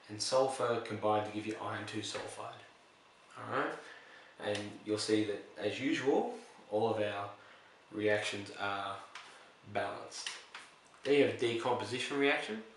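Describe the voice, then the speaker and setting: A male chemistry teacher explaining reaction types in a relaxed way, pausing with fillers and correcting himself. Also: fairly low pitch, far from the mic, slight background noise. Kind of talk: recorded lesson explaining reactions. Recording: echoey room, voice off-mic.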